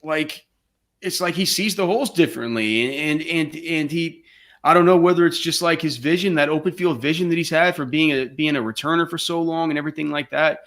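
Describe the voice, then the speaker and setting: A man with a bright, forceful voice pitched a little high co-hosts a podcast. He rambles in loose chat, swears freely and keeps restarting his sentences. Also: a little fast. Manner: rambling, profane, restarts often. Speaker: podcast co-host. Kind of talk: casual sports chat.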